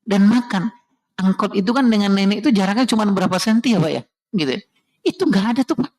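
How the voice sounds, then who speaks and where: A middle-aged man delivers a heartfelt storytelling sermon on parenting in a mosque. His voice is gravelly and sits slightly high. He keeps drawing the congregation in by addressing them directly. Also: animated, quick pace, darkish tone. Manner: emotional, addresses the audience directly and often. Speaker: parenting speaker at a mosque study session.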